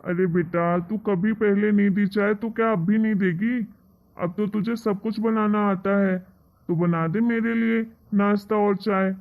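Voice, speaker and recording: A gentle, affectionate father of middle age, acted by a woman, coaxing his grown daughter softly in a cartoon story, at an ordinary pitch. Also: steady tone, measured pace, phone-quality sound, natural voice.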